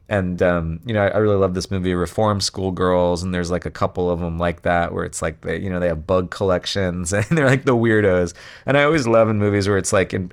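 A man talking casually in an interview about writing a song, rambling with many fillers and restarts. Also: low voice. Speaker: songwriter guest.

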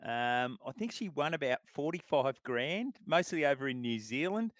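A man's voice: mid-range voice, animated, normal speed, no room sound. A man with an Australian accent presenting sports radio in an easygoing, matey, conversational way.

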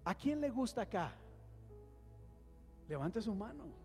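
A man's voice: sits high, very animated, slow, darkish tone. A man preaching a sermon as pastor, calling on the congregation to respond and leading them in prayer. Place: church hall. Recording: long hall reverb with faint music.

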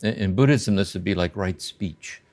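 An older man in a slow, contemplative spiritual conversation, often checking in with "See?". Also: low voice, a little mellow. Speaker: podcast host and spiritual teacher.

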